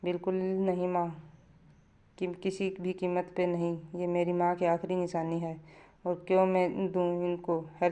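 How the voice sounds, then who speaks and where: A young daughter-in-law in a family storybook tale who has had enough and refuses firmly, as a woman storyteller plays her. She speaks in a flat, dark, steady voice. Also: on the low side, smooth, natural voice. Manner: firm, resolute refusal. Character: defiant young daughter-in-law, long patient, now standing firm.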